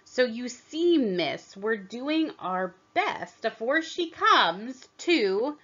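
A woman's voice: on the high side, big pitch swings, very slow, a bit bright, exaggerated voice. A woman voicing an anxious, humble male gardener from a storybook, hesitant and deferential, on a slightly dull recording. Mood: nervous, apologetic.

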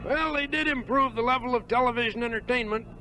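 A man's voice: very high voice, fast talker, loud music behind the voice. An actor voicing a grouchy, sardonic very old man, a theater heckler in a puppet comedy, with an aged voice and dry delivery. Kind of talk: puppet comedy character acting. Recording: very noisy TV soundtrack with audience.

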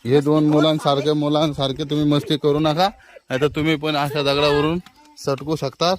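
Vlogger urging a friend along outdoors. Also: male voice, fairly high pitch, little pitch movement, normal speed. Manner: chatty, keeps urging someone along. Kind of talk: casual vlog commentary to viewers. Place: outdoors near a waterfall.

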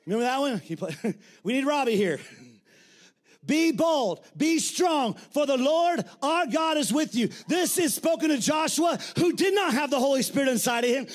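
A middle-aged man preaching a sermon as pastor, blunt and colloquial, often shouting. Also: extremely high pitch.

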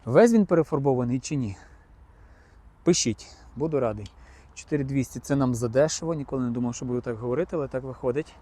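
A car-market vlogger with a mellow, mid-range voice talks fast as he tours an outdoor used-car lot. He's chatty and speaks to viewers directly as friends while doing a casual, on-the-spot car inspection vlog.

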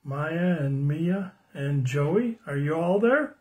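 An older man in his sixties giving a children's sermon on a phone livestream, slow and friendly, greeting viewers by name and asking the kids questions. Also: on the high side, animated, a little mellow. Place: small room indoors at home. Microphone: phone camera close up.

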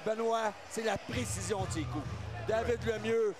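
A man with a Quebec French accent giving excited, emphatic live boxing commentary, often shouting. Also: sits high, moderate pace. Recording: loud arena crowd behind commentary.

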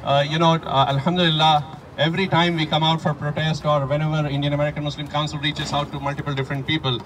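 A man's voice: a little high, level tone, fast talker, background noise. A man hosting a rally with informal, unscripted announcements, hesitant and often repeating his words. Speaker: rally host introducing speakers. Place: outdoors at a street protest. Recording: distant outdoor street recording.

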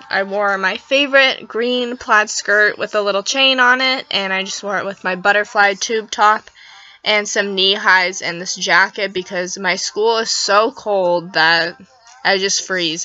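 A woman's voice: medium pitch, unhurried, sharp tone, highs cut off. A young woman with a sick voice, chatting affectionately through her outfits as a fashion vlogger. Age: young adult. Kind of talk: casual outfit vlog voice-over.

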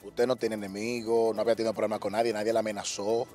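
A man working as a news reporter, asking formal, measured questions in an outdoor interview. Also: on the low side, little pitch movement, warm tone, soft background music.

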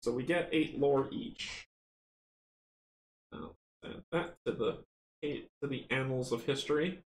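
A man's voice: medium pitch, slow. A middle-aged man giving casual board game playthrough commentary, thinking aloud and reading rules at home. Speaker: solo board game player and host. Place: small indoor home game room. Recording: roomy, faint background noise.

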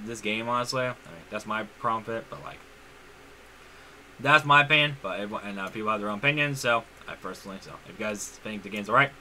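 A man's voice: mid-range voice, sharp tone, a little hiss or hum, low-quality recording. A man giving casual let's-play commentary on his own channel, rambling, often restarting his sentences and leaning on "honestly.". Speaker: gaming YouTuber.

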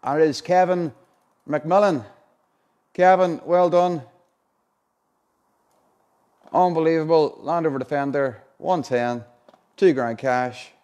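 Hosting a live prize draw inside a showroom unit with a car and a screen, a man of about forty chats away informally and colloquially. His voice sits on the high side, a little mellow and unhurried, though the audio is dull.

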